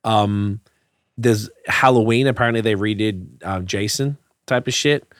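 A man's voice: lowish voice, measured pace, a bit bright, dry recording. A man hosting a podcast in casual, crude banter full of slang. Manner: crude, heavy swearing and slang. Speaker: podcast host.

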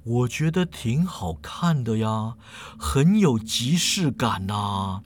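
A man voicing a mischievous, laid-back professor with a slow, low, teasing drawl. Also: big pitch swings. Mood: amused.

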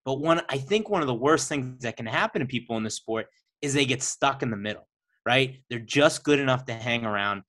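A man's voice: medium pitch, bright, forceful tone. A man hosting a podcast, talking to his guest in an earnest, encouraging way. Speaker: podcast host. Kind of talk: casual podcast chat.

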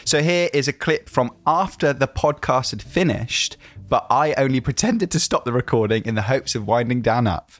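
A man's voice: medium pitch, expressive, moderate pace, few pauses, a bit bright, faint music behind. A man hosting a casual podcast chat, teasing his guest and laughing often. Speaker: host.

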